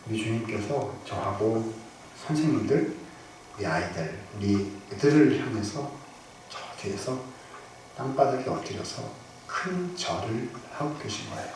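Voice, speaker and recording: A male pastor preaching a storytelling sermon, moving between loud bursts and hushed near-whispers. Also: fairly low pitch, animated, measured pace. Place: church sanctuary. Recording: very echoey hall, from far off, noisy.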